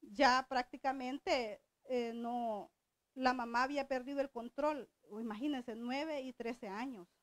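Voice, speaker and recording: A woman's voice: high voice, measured pace. A middle-aged woman from El Salvador preaching a sermon in a conversational way, often asking the congregation questions.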